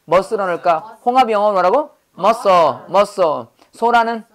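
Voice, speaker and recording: A woman with a mid-range voice teaches English vocabulary at normal speed, drilling words through repetition and quizzing her students in a call-and-response lesson.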